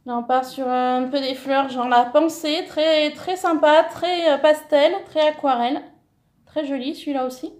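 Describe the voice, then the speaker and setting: Bright, high-pitched woman vlogger, chatty and gushing, self-correcting, relaxed at-home haul. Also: measured pace, roomy sound. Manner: enthusiastic, many fillers, self-correcting. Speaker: scrapbooking vlogger. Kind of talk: casual haul vlog, showing paper.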